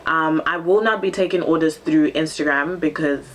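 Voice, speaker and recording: A bubbly seventeen-year-old vlogger, born in Zambia and raised in Cape Town, chats casually in a get-to-know-me video, saying "um" a lot. Her voice sits low but is a bit bright, at a normal speed.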